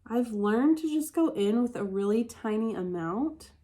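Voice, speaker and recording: Stuffed up with a head cold, this woman from Utah, USA vlogs a relaxed get-ready-with-me as a beauty vlogger. Her warm voice sits a bit high, moves with lively intonation, and runs a little slow, and she keeps things candid and chatty with plenty of "like" fillers.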